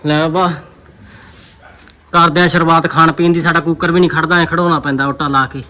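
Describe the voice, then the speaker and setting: A man's voice: on the high side, little pitch movement, fairly quick, pushed and bright. A man with a Punjabi accent vlogging in casual, colloquial banter with his roommates. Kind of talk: casual vlog chat with roommates.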